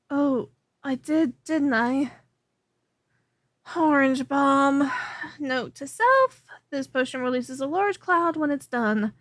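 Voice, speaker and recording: With no echo, this woman's voice sits high. She performs a scripted ASMR roleplay as a young alchemist who rambles chattily while working before growing obsessive and clingy.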